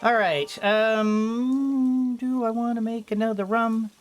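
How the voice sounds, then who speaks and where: With soft music in the background, this mid-range voice belongs to a let's-play host who takes things slowly. He muses aloud in fragmented bits, sprinkling in playful asides.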